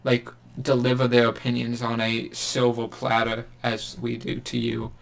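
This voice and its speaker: A man's voice: mid-range voice, completely flat delivery, measured pace, vocal fry. A young man co-hosting a podcast in casual chat, sarcastic and rambling with lots of fillers and laughter. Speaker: podcast co-host.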